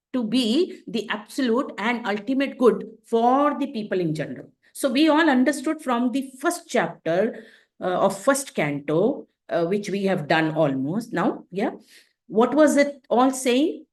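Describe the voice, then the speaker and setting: A woman leading a scripture class over a video call, in an animated, questioning, teacherly way. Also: fairly high pitch. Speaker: class leader.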